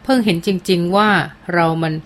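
A woman voicing a guilt-stricken teenage boy. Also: close to an everyday voice. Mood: self-loathing. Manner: slow, low and shaky. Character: remorseful teenage boy, brooding and intense.

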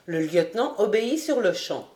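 A woman reading a historical novel aloud as an audiobook in measured narration. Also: mid-range voice, sing-song, warm tone, roomy sound. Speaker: audiobook reader. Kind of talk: scripted narration.

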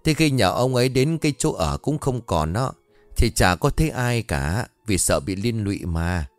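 A man voicing an older village man telling a sad tale slowly and somberly. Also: fairly low pitch, animated, no echo, soft background music, close to an everyday voice.

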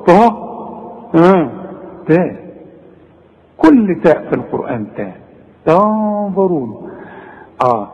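Egyptian guy teaching tajweed, stretches words out and scolds the student, high voice, lo-fi tape. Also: a little mellow, big-room sound. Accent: Egyptian Arabic. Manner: drawn-out demonstration of words, chiding and coaxing. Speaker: Quran recitation teacher. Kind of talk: tajweed lesson.

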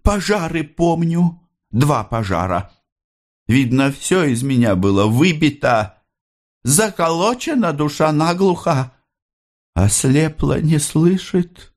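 A man voicing a gentle older mother worn by hardship, speaking in a raised, pleading and emotional tone. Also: animated, takes it slowly. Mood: sorrowful. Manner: higher, pleading, emotional delivery.

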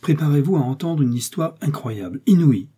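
A man's voice: mid-range voice, normal speed, warm tone, breathy edge, natural voice. A man voicing an agitated, earnest young swordsman in a read-aloud novel, speaking urgently and emphatically.

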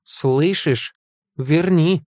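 A man voicing a young female heroine of an audiobook, a sharp-tongued guardian giving insistent orders. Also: mid-range voice, brisk, dry recording, studio quality, natural voice. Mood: demanding. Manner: raised, insistent, commanding.

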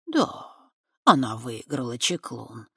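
An audiobook reader voicing an elderly male mentor wizard who speaks slowly and low, calm and wry. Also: vocal fry, slightly rough, no echo, clean studio sound, heavily acted. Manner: slow, low, measured speech. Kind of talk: audiobook character voice.

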